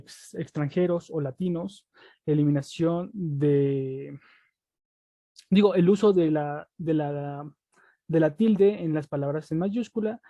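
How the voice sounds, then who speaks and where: A student presents to the class in a very dark, mellow voice, stumbling often with fillers and restarts. The sound is dry and dull, close and lo-fi. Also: mid-range voice, no echo. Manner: halting, many fillers and restarts.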